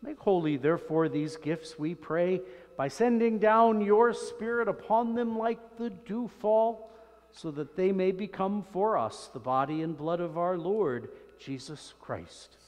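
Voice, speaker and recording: An older man, a priest, reciting solemn liturgical prayers in a measured, reverent manner in a large echoing church. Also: high voice, a little mellow. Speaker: priest celebrating Mass. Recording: long cathedral-like echo in large church.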